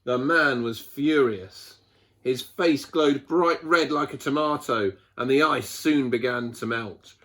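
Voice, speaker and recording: A man reading a picture book aloud to children, expressively, with dramatic pauses and emphasis. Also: mid-range voice, sharp tone. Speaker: children's storyteller.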